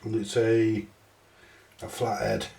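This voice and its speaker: Stuffy with a cold, a middle-aged repair channel host rambles slowly through a repair in his small, cluttered indoor electronics workshop, swearing casually and joking at his own expense. The voice is low-leaning, gravelly and mellow, delivered completely flat. Distance from the mic adds an echoey room quality.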